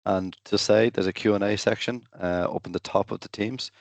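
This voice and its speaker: A man's voice: lowish voice, fairly even intonation, fairly quick, gravelly, no echo. A man hosting an online webinar, giving an informal, matter-of-fact introduction in hesitant, broken-up phrases. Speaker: webinar host. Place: online video call.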